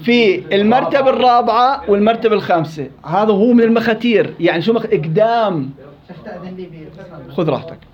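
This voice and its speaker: A man teaching Quran recitation rules, quizzing his students and repeating words slowly. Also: high-pitched, animated, muffled recording. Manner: quizzing students, drawn-out slow repetitions. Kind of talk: interactive tajweed class.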